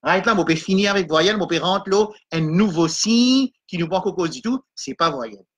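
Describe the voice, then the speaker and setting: A man teaching a Quran reading class, slowly sounding out Arabic letters and vowels one by one and mixing French with English and Arabic terms. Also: high voice, expressive, a bit bright. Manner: slow and repetitive, sounding out syllables one by one.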